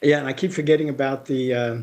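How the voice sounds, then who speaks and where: A man giving an informal technical talk over a remote call, halting, with many restarts and fillers. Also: mid-range voice, fairly even intonation, darkish tone, a little hiss or hum. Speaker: guest speaker on aviation technology. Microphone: remote video call.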